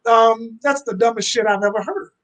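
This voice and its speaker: A man's voice: very high-pitched, moderate pace, fairly bright tone. Blunt, emphatic man on a video call. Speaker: panel guest. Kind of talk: casual talk on a live video call.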